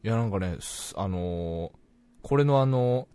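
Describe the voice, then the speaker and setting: A young man from Fukuoka with a Hakata accent, chatting casually as a podcast co-host, jumping between loud bursts and mumbled asides. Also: on the low side, lively intonation, a little slow, a little hiss or hum. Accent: Hakata dialect. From Fukuoka, Japan. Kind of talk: casual chat.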